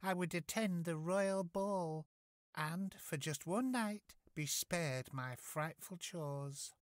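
A man voicing a gentle, kind young woman, speaking softly and hesitantly. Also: a little high, slow, no echo, studio quality, pitched above the performer's own voice. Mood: wistful. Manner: soft, hesitant, polite.

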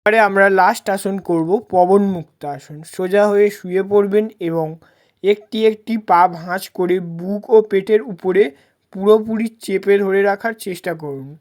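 A woman's voice: medium pitch, moderate pace, darkish tone. A woman yoga teacher giving scripted, step-by-step instructional narration. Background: plucked guitar music.

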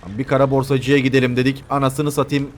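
A man's voice: mid-range voice, flat delivery, fast. A young man commentating a western video game as he plays, joking, swearing and talking back to the characters. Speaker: gameplay commentator. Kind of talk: let's play commentary.

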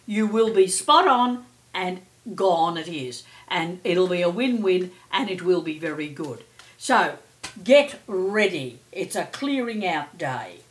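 A woman's voice: on the low side, expressive, slow. A middle-aged or older woman hosting a chatty daily horoscope as a psychic, playful, theatrical and effusive, often calling listeners darling. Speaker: psychic and astrology host.

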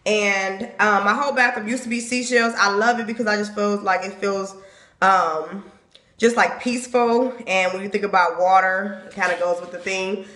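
Holding her phone at arm's length in a small bathroom at home, a young home decor vlogger chats casually through a haul and home tour, showing items and their prices. Her medium-pitched voice is fairly bright and fairly even, at a moderate pace, and the room sounds echoey.

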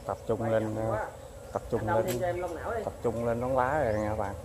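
A man vlogging as he catches bees outdoors, pausing often with fillers and talking to his viewers. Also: lowish voice, over a noisy crowd. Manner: halting, many fillers, addresses viewers. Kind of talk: casual outdoor narration. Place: outdoors by a street.

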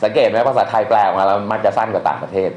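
A man with a fairly low, darkish voice fires off a rapid, casual lecture about Thai poetry, reciting verses and speaking bluntly with slang and crude words. There's room echo and a faint layer of noise.

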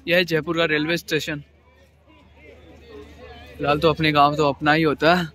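A man's voice: fairly high pitch, flat delivery, normal speed, a bit bright. A young man casually narrating a train journey vlog to his viewers, chatty and upbeat, filming himself on a phone at arm's length. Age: young adult. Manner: chatty, addresses viewers as guys. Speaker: travel vlogger. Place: crowded train coach and station platforms. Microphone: handheld phone at arm's length. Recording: noisy train and station.

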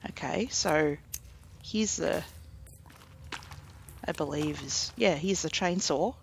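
This man's voice sits a little high and has vocal fry, and he takes his time, with a slight hiss or hum in the recording. Playing a survival game, the gaming commentator chats easily in a casual let's play, musing out loud as he goes.

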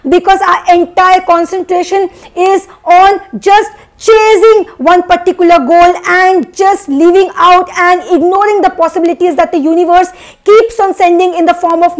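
A young woman from India giving an earnest, emphatic spiritual motivational talk, preachy and repeating phrases to drive points home. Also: extremely high pitch. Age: young adult. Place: small indoor room, seated at a desk.

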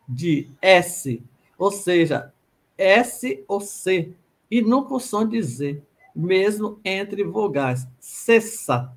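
A Brazilian woman hosts a radio language lesson at a slow, measured pace. She reads the material aloud and sounds out letters and vowels one at a time, patient and deliberate. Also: medium pitch, slightly rough. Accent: Brazilian Portuguese. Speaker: radio host and language teacher. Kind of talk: reading a pronunciation lesson aloud.

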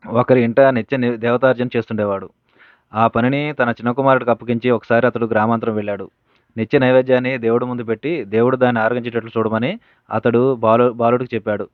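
A man reading devotional stories aloud from a book at a steady pace, sometimes stopping to correct a word. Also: medium pitch, no room sound. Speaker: reader of spiritual teachings. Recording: narrow phone-like dry audio.

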